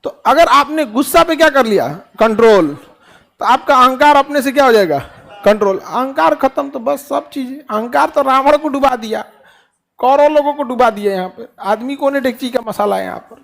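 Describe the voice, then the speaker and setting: A man's voice: very high voice, animated, moderate pace, gravelly, a bit bright. Joking, folksy man. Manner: folksy, joking, asks the class questions and answers them himself. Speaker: teacher giving a motivational talk. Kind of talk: lively classroom motivational speech. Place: classroom.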